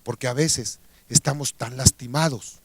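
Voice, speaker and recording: A man's voice: mid-range voice, normal speed, no room sound. A man with a Mexican accent preaching a radio sermon, telling a story and asking rhetorical questions of his listeners.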